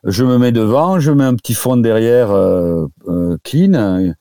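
A man's voice: mid-range voice, expressive, unhurried, warm tone, no room sound, clean studio sound. A man, a guest doctor, chatting casually on a radio show and hesitating with many fillers and restarts.

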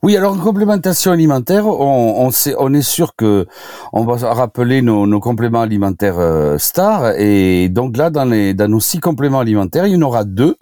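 A man speaking as a doctor on a radio show, giving informal health advice in a halting way, often repeating and restarting words. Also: medium pitch, lively intonation, warm tone, dry recording, studio quality.

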